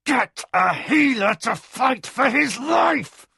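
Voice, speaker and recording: A man's voice: fairly high pitch, very animated, a little slow, vocal fry, breathy edge, no room sound, studio quality, heavily acted. A man voicing a defiant barbarian warrior with a strident, nasal voice. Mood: angry. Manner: strident, shouting.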